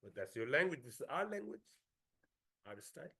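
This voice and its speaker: Brisk, bright-voiced recitation teacher, man. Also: medium pitch, sing-song, creaky, breathy edge. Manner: switches between brisk explanation and slow melodic chanted recitation. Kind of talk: tajweed class, modelling recitation.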